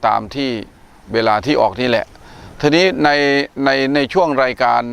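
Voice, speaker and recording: A man's voice: mid-range voice, lively intonation, normal speed, creaky, clear, resonant tone. A man, a Buddhist monk from northeastern Thailand, hosting a casual religious talk show and telling stories with many "er" fillers. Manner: chatty storyteller, many "er" fillers. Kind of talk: casual discussion on a religious TV program.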